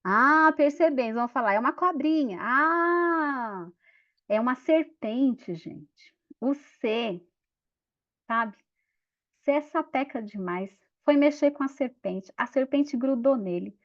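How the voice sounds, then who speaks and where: High-voiced woman teaching teachers. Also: slow pace. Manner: lively, acts out classroom scenes in voices. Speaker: teacher trainer. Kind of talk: teacher training talk. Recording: dull lo-fi sound.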